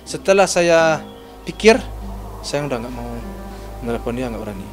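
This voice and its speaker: A man's voice: mid-range voice, expressive, normal speed, soft background music. A man giving an upset interview statement, retelling phone calls in an agitated way. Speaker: interviewee, father of the victim's husband.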